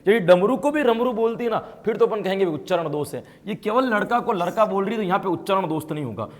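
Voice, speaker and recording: Emphatic high-pitched Indian male teacher. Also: animated, fast, big-room sound. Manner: explains by asking and answering his own questions, with frequent tag questions; grows louder and more emphatic when stressing key points. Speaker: exam-prep teacher. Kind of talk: online class lecture.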